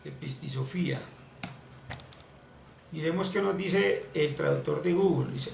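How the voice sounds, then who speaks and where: A man with a deeply gravelly, creaky voice gives a slow, deliberate lesson, repeating key words as he explains. His pitch sits a little high and moves a lot. He sounds distant from the mic, in a roomy space with a faint hiss behind him. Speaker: spiritual teacher. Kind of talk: explanatory screen-share lesson.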